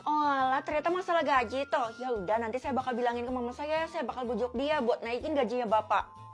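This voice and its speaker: A woman's voice: sits high, fast talker, soft background music, close to an everyday voice. A woman voicing a cheeky young girl in a doll story, whiny and teasing. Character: young girl who hears thoughts, cheeky.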